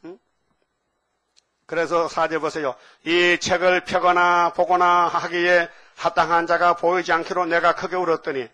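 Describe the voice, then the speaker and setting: A man's voice: on the high side, normal speed. An older man preaching a sermon, asking the congregation question after question. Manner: animated, asks the audience questions.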